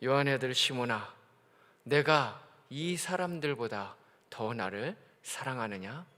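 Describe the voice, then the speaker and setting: A man voicing a calm, forgiving Jesus as a grown man who speaks softly and tenderly, with the long reverb of a church hall. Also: high voice, moderate pace. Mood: gentle.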